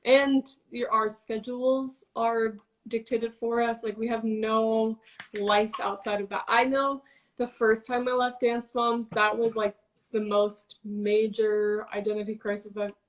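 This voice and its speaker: A young woman chatting on a live video call, eager and agreeable, quick to chime in. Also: on the high side, flat delivery. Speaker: livestream co-host. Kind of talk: casual chat.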